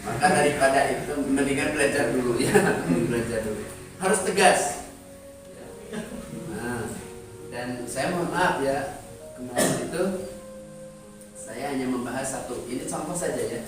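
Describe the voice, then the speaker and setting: A man's voice: medium pitch, unhurried, pauses often. Emphatic male preacher in echoey hall. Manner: emphatic, addresses listeners directly. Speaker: Islamic preacher teaching sermon delivery. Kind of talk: instructional talk to trainees. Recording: echoey room, distant mic, music behind.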